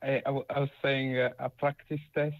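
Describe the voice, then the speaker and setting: A man's voice: mid-range voice, flat delivery, fairly quick, creaky, no room sound. A man calling in over an internet line that sounds like a speakerphone, asking his question hesitantly with many fillers. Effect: internet call that sounds like a speakerphone. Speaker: caller. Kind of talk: call-in question. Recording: dull lo-fi call audio, dry.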